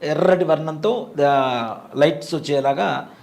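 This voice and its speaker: A man's voice: on the high side, measured pace, vocal fry, a little mellow. A man in his forties telling a personal story in an interview, retelling it vividly and acting out the voices he quotes. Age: 40s. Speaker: interview guest recounting a temple experience. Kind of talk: conversational storytelling.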